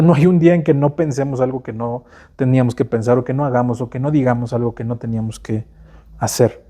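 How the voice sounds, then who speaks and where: A man's voice: mid-range voice, warm tone, husky. A man with a Mexican Spanish accent preaching a sermon in a conversational, casual way, often tagging questions onto his sentences. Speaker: pastor.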